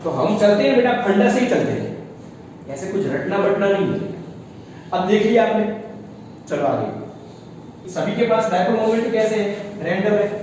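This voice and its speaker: A man teaches physics to a live class with a high voice. He is recorded from across a classroom, so the sound is distant, with a long, echoing reverb. He keeps asking the students whether they follow. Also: expressive, normal speed, pauses often, darkish tone, slight background noise. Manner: calls students "beta", asks checking questions. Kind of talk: classroom lecture. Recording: echoey classroom from far off.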